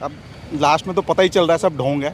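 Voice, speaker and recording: Passer-by man, high-ish voice, heated, repeats himself. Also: quick pace, a crowd in the background. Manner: angry, repetitive complaints. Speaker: passer-by interviewee.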